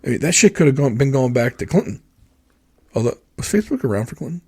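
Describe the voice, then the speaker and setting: A man in his forties with a husky, slightly rough voice holds forth bluntly in relaxed podcast chat. He rambles from point to point, drops profanity freely, and keeps an average, everyday pitch. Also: fast. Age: 40s. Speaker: podcast co-host.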